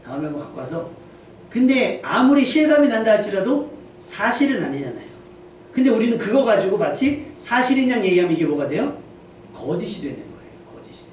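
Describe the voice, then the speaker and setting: A man with a high voice preaches in a church sanctuary, talking with the congregation as much as to it. His voice rings through a very echoey hall, heard from some distance off the mic with a faint hiss beneath. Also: very animated, a little fast. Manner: conversational preaching, asks the congregation questions. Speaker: pastor. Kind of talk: sermon.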